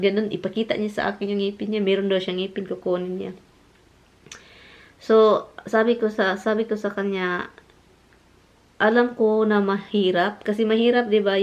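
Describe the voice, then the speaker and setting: A woman's voice: medium pitch, darkish tone, muffled recording. A woman from the Philippines with a Bisaya accent, telling a story to her viewers in a chatty vlog and mixing English into her Tagalog. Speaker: vlogger.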